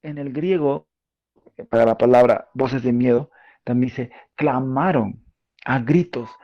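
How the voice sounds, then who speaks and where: A man with a Peruvian Spanish accent preaching a sermon in a conversational way, asking his listeners questions and often pausing with fillers. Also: mid-range voice, highs cut off. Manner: conversational, asks the audience questions, frequent fillers.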